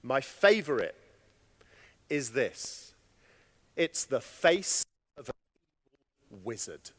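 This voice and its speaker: A man giving an animated conference keynote from a stage, chatting with and questioning his audience. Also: mid-range voice, extremely slow. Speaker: keynote speaker. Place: stage in a large hall. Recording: long hall reverb.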